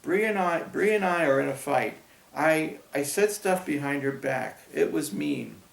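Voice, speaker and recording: A man's voice: on the high side, expressive, measured pace, creaky. A man reading an audiobook, voicing an earnest, sincere young schoolgirl. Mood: fretful. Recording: roomy echo.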